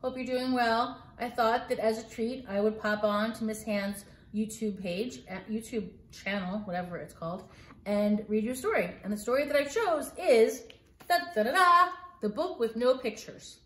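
At a normal speed, a middle-aged woman with a fairly bright voice on the high side reads a picture book for children, performing it theatrically with playful, mock-exasperated asides. It was shot indoors in a living room on a phone camera a few feet away, and the sound is roomy.

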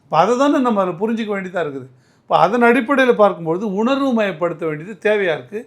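A man's voice: high voice, lively intonation, fast. A man answering as a political commentator in an interview, arguing emphatically and often restarting his words.

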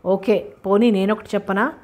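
A woman voicing a young, charming male managing director who teases and flatters in a playful way, read in an audiobook. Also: medium pitch, moderate pace, close to an everyday voice. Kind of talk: audiobook character reading.

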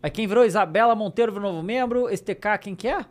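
A man's voice: high voice, fast. A man in his thirties hosting a casual livestream, speaking into a close studio microphone. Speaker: live show host. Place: podcast studio. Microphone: close studio microphone on arm.

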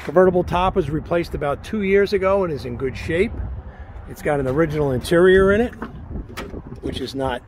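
Brisk and expressive, a man with a slightly high, darkish voice talks through a vehicle for sale in short, matter-of-fact, list-like phrases. This is walkaround sales commentary, shot outdoors in an open parking lot. He is off camera, and the handheld camera or phone audio includes outdoor noise.

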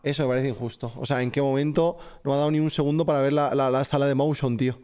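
A man doing live gameplay commentary, excitable, swearing and shouting at the game while talking to his chat. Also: mid-range voice, fast, smooth. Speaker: streamer. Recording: game music behind the voice.

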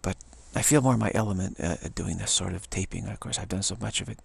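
An older man, a spiritual teacher, rambles through a monologue on an action camera, halting, repeating words and chuckling often. His voice is low-pitched and husky with vocal fry, and there's no room sound.

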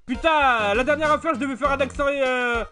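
A man giving casual gameplay commentary, excitable, with swearing and laughing asides. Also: extremely high pitch, a little fast. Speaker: let's player. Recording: game music underneath.

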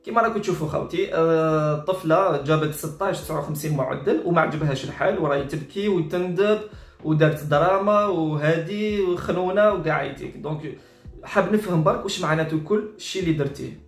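A man's voice: a little high, fast. A man with an Algerian accent giving informal, exasperated reaction commentary, repeating himself and switching between Arabic and French. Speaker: online commentator. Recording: roomy echo with faint music. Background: faint music.

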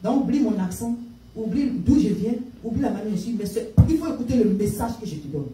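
A woman's voice: fairly high pitch, fast, a little hiss or hum. African-accented woman preacher in an echoey hall. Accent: African French. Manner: animated storytelling, switching between French and English. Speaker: prophetess preaching. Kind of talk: sermon with storytelling. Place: church sanctuary. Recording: echoey room, distant from the mic.

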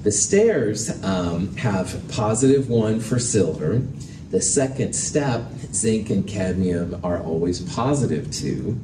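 A man's voice: lowish voice, animated, slow. A man lecturing as a professor in a lecture hall, explaining things in a casual, self-deprecating way. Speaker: chemistry professor. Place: indoor lecture hall with projector screen and chalkboard. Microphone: distant from the speaker. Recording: roomy lecture hall, distant mic, noisy.

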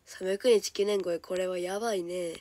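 A young woman with a Kansai accent chatting casually on a solo livestream, her voice hoarse and lower than usual, chatty and giggly and often dropping into soft whispers. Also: steady tone, normal speed, slight background noise. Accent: Kansai Japanese. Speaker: idol livestreamer.

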